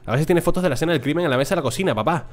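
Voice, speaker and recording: A man's voice: a little high, rapid-fire, lightly acted. A man with a Spain accent voicing a sulky, defiant teenage girl who talks back to her father.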